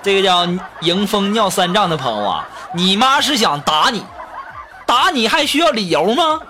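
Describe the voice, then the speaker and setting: A man's voice: high-pitched, very animated, moderate pace, noisy background. Chatty, teasing male comic host. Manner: chatty, teasing, laughs at his own jokes. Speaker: podcast host reading listener jokes. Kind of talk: comic joke-telling show. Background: background music.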